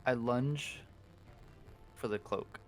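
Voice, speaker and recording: A man's voice: mid-range voice, drawn-out words, a little hiss or hum. A man playing a tabletop game, casual and muttering his moves. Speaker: player.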